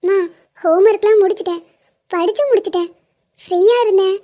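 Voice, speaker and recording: A woman's voice: extremely high pitch, steady tone, brisk. A woman voicing a cheeky teenage schoolgirl who teases her family in a cartoon. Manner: cheeky, teasing, sassy. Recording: dull lo-fi sound.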